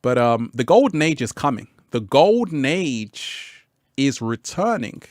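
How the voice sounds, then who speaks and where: A man's voice: medium pitch, big pitch swings, a little slow, no room sound, clean studio sound. A man hosting a live stream, chatting with viewers and reading their comments in a laid-back way, laughing often and repeating his phrases. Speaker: livestream host.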